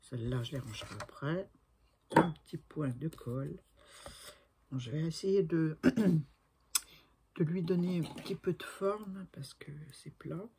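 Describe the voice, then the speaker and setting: A woman's voice: low-pitched, measured pace, pauses often, background noise. A woman in her sixties chatting through a crafting tutorial, talking to herself as she works and often trailing off to a murmur. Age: 60s. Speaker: crafting video maker.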